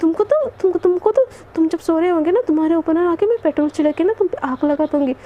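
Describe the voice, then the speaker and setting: A woman's voice: very high voice, lively intonation, fast talker, muffled recording. A woman voicing a sleepy, hot-tempered young woman student who scolds her partner, in a storybook love tale. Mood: angry. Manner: grumpy, scolding, sharp retorts.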